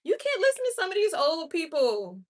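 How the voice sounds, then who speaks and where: Her voice is very high-pitched and brisk, swinging hugely in pitch. She's in her late twenties, hosting a livestream where she speaks her mind candidly and responds directly to viewers.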